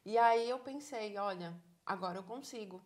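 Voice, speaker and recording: Thirties woman, Bahian Brazilian accent; animated, encouraging interviewee. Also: mid-range voice, moderate pace. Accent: Bahian Brazilian Portuguese. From Salvador, Bahia, Brazil. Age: 30s. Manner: animated storyteller, acts out quoted dialogue, encouraging. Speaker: interviewee, psychologist living abroad. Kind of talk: casual conversational interview.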